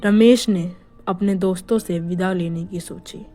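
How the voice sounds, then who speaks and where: A woman narrating a scripted horror story in a hushed, suspenseful manner. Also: on the low side, fairly even intonation, a little slow, soft background music.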